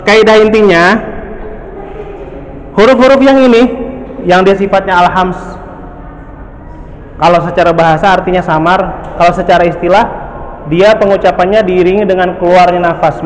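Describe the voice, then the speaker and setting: A man teaching a tajweed class at a mosque, patiently drilling syllables for his students to repeat. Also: high-pitched. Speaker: Quran recitation teacher. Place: large mosque hall. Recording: echoey hall, faint background noise.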